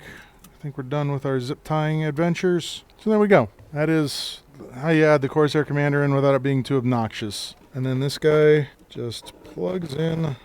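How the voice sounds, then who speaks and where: A computer repair technician with a deep, clean-toned voice works through a live-streamed repair at his shop bench, chatting in a relaxed way and answering questions from his chat.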